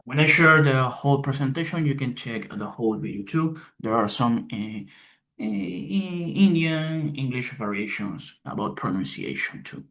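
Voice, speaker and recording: A man presenting a class talk, reading his slides aloud haltingly, with pauses and restarts. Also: medium pitch, expressive, fairly bright tone. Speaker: student presenter.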